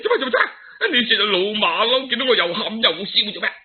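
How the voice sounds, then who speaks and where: A man's voice: high-pitched, fast, pitched above the performer's own voice, lightly acted. A man voicing a brash, taunting monkey warrior with boastful, mocking exclamations in a dramatic storytelling performance. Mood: teasing. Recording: narrow, tinny phone-like sound.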